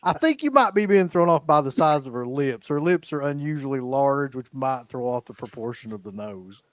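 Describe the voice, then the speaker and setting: A man's voice: medium pitch, animated, normal speed. A man hosting a casual watch-along livestream, bantering with friends, laughing and swearing often. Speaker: livestream host.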